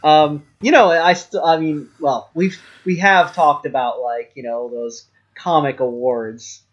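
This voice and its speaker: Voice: medium pitch, fairly even intonation, measured pace, lo-fi sound. A podcast co-host talking casually and hesitantly, with many ums and a wry tone. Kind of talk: casual chat.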